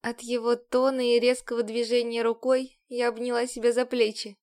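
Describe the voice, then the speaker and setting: A woman narrating an audiobook in the first person, with even, measured storytelling. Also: on the high side.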